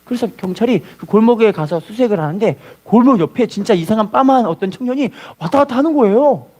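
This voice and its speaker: A man preaching a sermon as a pastor, telling a story with lively call-and-response. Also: high voice, fast talker.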